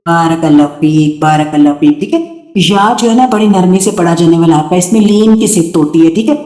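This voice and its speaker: A woman teaching tajweed in an online class, patient and encouraging, slowly repeating words for her students. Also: lowish voice, mellow, reverberant. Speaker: Quran recitation teacher. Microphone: computer mic in an online video class.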